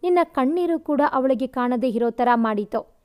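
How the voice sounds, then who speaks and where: A man's voice: very high-pitched, animated, moderate pace, a little mellow, clear, resonant tone. A woman voicing a cruel, boastful young male rival who taunts and mocks in a storybook narration. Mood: mocking. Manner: taunting, mocking.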